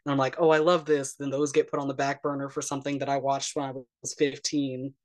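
A man's voice: mid-range voice, completely flat delivery, quick pace. A man talking casually as a podcast guest, protesting with playful drama and quoting himself a lot. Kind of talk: casual family chat.

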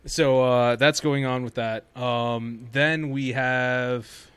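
A man with an average-pitched voice hosts a casual podcast. He tells things in a loose, rambling way, feeling his way through the details as he goes. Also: fairly even intonation, slow, a bit bright, clear, resonant tone. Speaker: podcast host. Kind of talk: casual chat about wrestling news.

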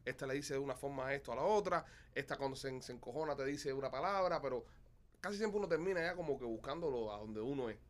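A man's voice: medium pitch, fast talker. A man hosting a casual group chat, joking and telling anecdotes. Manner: joking, lively, tells anecdotes. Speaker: show host.

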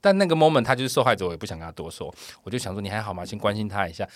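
A man co-hosting a podcast, telling a story in a casual, animated way and laughing often. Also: on the low side, very fast, dry recording, clean studio sound. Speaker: podcast co-host.

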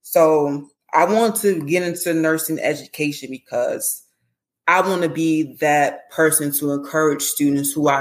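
A woman in her thirties, a nurse educator guesting on a podcast, speaking candidly and earnestly, often saying "you know". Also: sits low. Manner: emotional when recalling support. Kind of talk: casual interview chat.

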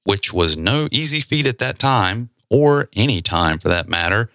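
Hosting a podcast, a man with a very deep voice and a bright, forceful edge talks expressively and unhurriedly, dropping in casual asides as he explains. His audio is close-miked and dry, with no echo or room around it.

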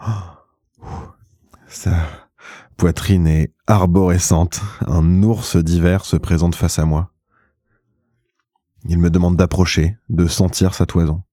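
Deep, hushed male erotic narrator. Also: flat delivery, dry recording, studio quality. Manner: slow, hushed and measured. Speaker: podcast host and narrator. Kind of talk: intimate first-person erotic narration.

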